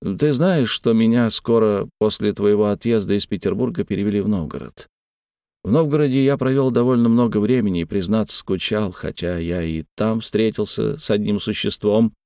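A man reading as a gravely ill, wounded young man who speaks weakly, slowly and with irony. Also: lowish voice, mellow, no echo, clean studio sound, lightly acted. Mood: wry. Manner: weak, slow, ironic.

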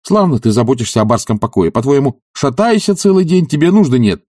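A man's voice: medium pitch, lively intonation, brisk, darkish tone, no room sound, clean studio sound, voice pushed up, close to an everyday voice. A man voicing an irritable idle nobleman who complains in exasperation. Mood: exasperated. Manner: peevish, exasperated.

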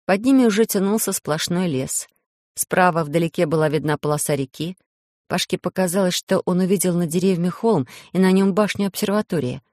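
A woman's voice: lowish voice, fairly quick, darkish tone, dry recording. A woman narrating a children's story expressively into a close mic. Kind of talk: audiobook narration.

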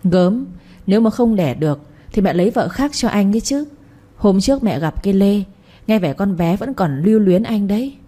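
A woman voicing a sharp-tongued older mother-in-law who scolds and nags in a raised voice. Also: lively intonation, normal speed, natural voice. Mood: scornful. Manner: shrill, scornful, nagging.

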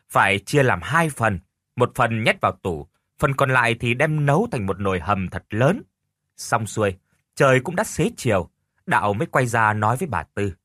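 Expressive male horror story narrator. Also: mid-range voice, no room sound, clean studio sound.

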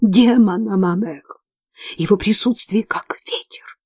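A woman voicing a hysterical, attention-seeking young nun who pleads in high, breathless whispers and wails. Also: unhurried, darkish tone, dry recording, clean studio sound. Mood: pleading, hysterical.

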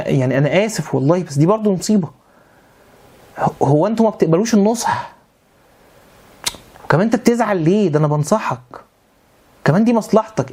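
A man's voice: sits high, warm tone. A man with an Egyptian Arabic accent, preaching in an informal monologue and firing off repeated rhetorical questions with a sarcastic edge.

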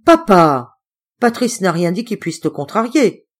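A woman's voice: medium pitch, very animated, unhurried. A woman reading an audiobook, voicing an exasperated young woman pleading with her father.

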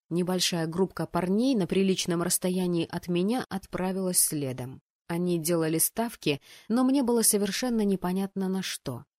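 A woman narrating a first-person fantasy story aloud, acting out the characters' lines with lively changes of voice. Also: no room sound, clean studio sound. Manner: voices the rowdy students' shouts with bursts of pitch and volume. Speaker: audiobook narrator.

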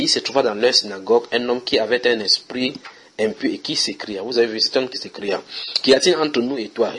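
Bright-voiced preacher man. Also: mid-range voice, slight background noise. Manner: conversational, questions listeners while reading verses. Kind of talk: house-church Bible teaching.

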